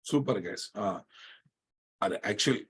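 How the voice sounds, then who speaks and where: A man's voice: lowish voice, unhurried, slightly rough. A man with an Indian accent lecturing a live online programming class, often repeating his phrases and checking that listeners follow. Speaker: programming instructor.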